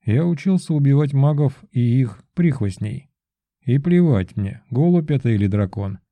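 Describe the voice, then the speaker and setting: A man narrating a fantasy audiobook in a measured, steady storytelling manner. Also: medium pitch, dry recording, phone-quality sound.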